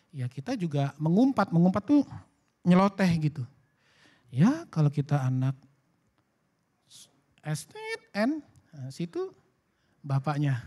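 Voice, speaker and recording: A man preaching. His pitch swings up and down a lot as he talks, and he keeps the sermon casual and chatty, slipping into bits of acted-out dialogue. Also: breathy edge. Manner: lively, colloquial, acts out dialogue. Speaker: pastor. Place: church worship service.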